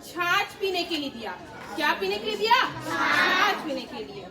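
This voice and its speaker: A woman storyteller telling a puppet story to children, often pausing to ask them questions. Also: very high voice, very animated, a crowd in the background. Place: large indoor hall. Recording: echoey hall from far off, children around.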